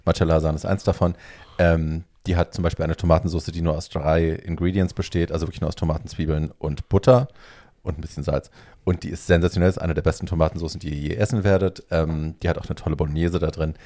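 Deep man chatting eagerly about food. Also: fairly even intonation, fast talker, mellow, no room sound, studio quality. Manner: enthusiastic, digressive, tag questions. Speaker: podcast co-host, food expert. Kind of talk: casual chat.

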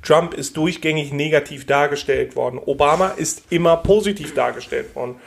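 A German man co-hosting a podcast, wry and quick to push back in casual chat. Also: a little high, gravelly. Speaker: podcast co-host.

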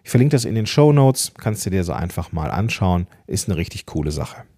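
A man hosting a solo podcast episode, giving tips in a casual, lively way, playing with emphasis and pauses. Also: low-pitched. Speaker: podcast host.

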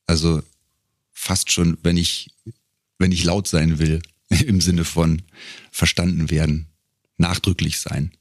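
A man who works professionally as a voice artist speaks casually as an interview guest, thoughtful and halting as he searches for words. His voice is low-pitched and level in tone, captured in studio quality with no echo.

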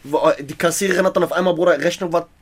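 A man's voice: a little high, steady tone, racing, a crowd in the background. A young man chatting casually as a rapper guest, slangy, calling everyone "brother" and laughing often. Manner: slangy, says "Bruder" constantly, laughs often. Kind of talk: casual chat.

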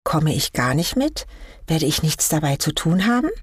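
A woman's voice: sits low, sing-song, moderate pace, breathy edge, dry recording, clean studio sound, exaggerated voice. Woman voicing a naive, longing fir tree. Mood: puzzled. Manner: wondering, questioning tone.

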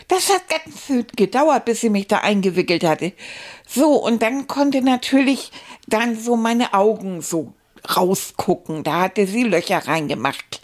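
A woman voicing a cheerful, boastful male stuffed rat puppet who chats playfully to children as a storyteller. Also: fairly high pitch. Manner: playful, exclamatory, boastful, chatty.

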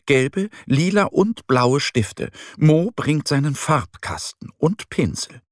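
A man reads a bedtime-style children's story slowly and gently, with a husky voice. His pitch moves a lot as he acts out the scenes, and the recording is dry and close. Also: no room sound. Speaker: narrator. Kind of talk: children's audio story reading.

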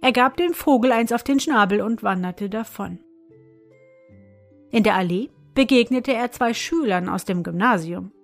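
A woman reading a fairy tale aloud as narrator, in an even storytelling manner. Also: on the high side, normal speed, creaky, faint music behind.

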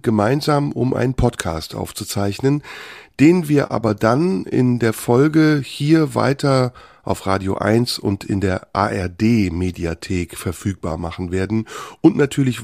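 Male podcast co-host, gravelly, lively pitch, dry close mic, playful banter. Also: no room sound. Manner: playful, animated, teasing. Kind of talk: casual comedic banter.

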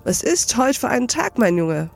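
A woman voicing a gleefully reformed elderly male miser with an excited, chuckling delivery in an audiobook reading. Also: on the high side, a little slow, creaky, faint music behind, full character voice.

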